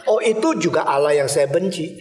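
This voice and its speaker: A man voicing a calm middle-aged pastor who answers an angry visitor with unhurried questions. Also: on the high side, music in the background, lightly acted. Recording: echoey hall from a distance.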